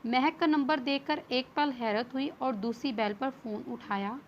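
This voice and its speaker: A woman narrates a novel in a steady, read-aloud storytelling manner. Her voice is high. The recording is dull and lo-fi, with a faint hiss behind it. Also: measured pace. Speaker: novel reader.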